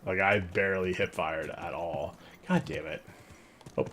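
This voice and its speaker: Low-voiced laid-back bro, streaming a game. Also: male voice, sing-song, unhurried, creaky, over music. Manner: laid-back bro talk, slangy and profane. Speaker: teacher. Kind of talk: casual live stream chat while gaming.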